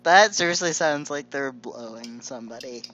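A man's voice: medium pitch, moderate pace, lo-fi sound, over music. A young man playing a card game over voice chat, joking, swearing and laughing often. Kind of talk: casual voice chat while gaming. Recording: noisy voice chat mic.

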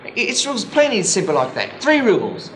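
A man playing a shabby waterfront showman who pushes his pitch with stammering salesman patter in a comedy sketch. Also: wildly swooping pitch, fairly quick, a bit bright, a little hiss or hum, full character voice. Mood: persuasive. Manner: persistent salesman patter, stammering, keeps saying sir.

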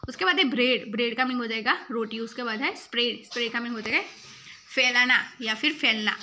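A woman's voice: on the high side, fast, pushed and bright, slight background noise. A woman teacher recording a video lesson, spelling out words letter by letter and repeating each meaning twice.

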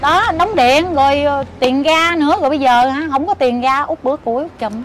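A woman's voice: high voice, brisk. An older woman with a Southern Vietnamese accent, chatting emphatically and telling her story with exclamations. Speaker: interviewee, lottery ticket seller's mother-in-law. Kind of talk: casual conversation. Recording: street noise behind.

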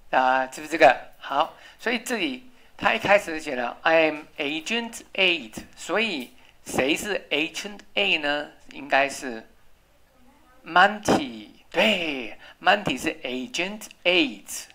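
A woman's voice: low-pitched, expressive, takes it slowly, fairly bright tone. A woman English teacher, leading a classroom lesson and patiently drilling spelling and pronunciation.

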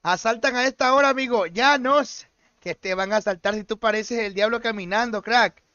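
High-voiced Mexican guy streaming a game. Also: normal speed, bright, forceful tone, clear, resonant tone, dry recording, muffled recording. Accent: Mexican Spanish. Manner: joking, teasing chat and teammates, slangy. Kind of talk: livestream gaming chat.

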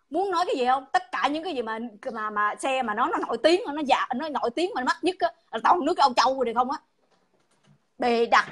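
A woman's voice: sits high, fairly bright tone. A woman with a Southern Vietnamese accent, ranting in a blunt, repetitive, scolding monologue on an online livestream.

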